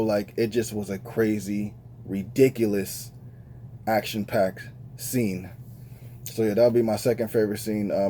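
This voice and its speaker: A man's voice: on the low side, mellow, a little hiss or hum. A man giving a casual, slang-filled movie review with lots of fillers, talking straight to his viewers. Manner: laid-back slangy talk, many fillers.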